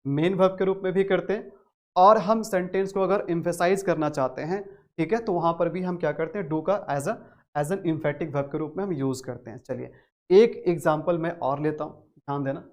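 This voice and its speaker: A man's voice: a little high, normal speed. A man with a Hindi accent teaching a spoken English grammar lesson, repeating key phrases and stressing words hard.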